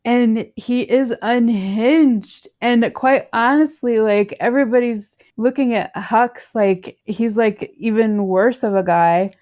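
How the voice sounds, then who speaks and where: A woman's voice: fairly high pitch, slow pace, hardly any pauses, darkish tone. A woman co-hosting a podcast in casual chat, rambling and acting out reactions with the odd swear. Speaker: podcast co-host. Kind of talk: casual film discussion.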